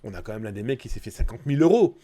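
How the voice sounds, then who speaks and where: A man's voice: on the low side, very animated, very fast, mellow. Nasal, stuffy-nosed man hosting a stream. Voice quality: blocked nose, nasal sound. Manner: chatty, informal, directly addressing viewers. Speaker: host of a live cybersecurity news stream. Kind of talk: casual live-stream news commentary.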